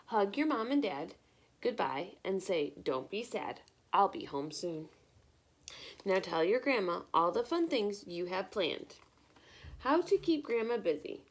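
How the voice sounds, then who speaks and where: Reading a picture book aloud like a teacher, a medium-pitched woman sounds expressive and encouraging. Every so often she pauses to ask the young audience questions.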